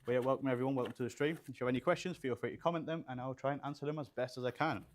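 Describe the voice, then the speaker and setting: A medium-pitched young adult man races through his words on a gaming PC build stream, with slight background noise behind him. He's from Poland, grew up in England, and casually rambles with fillers while reading the live chat in a small studio room with shelves.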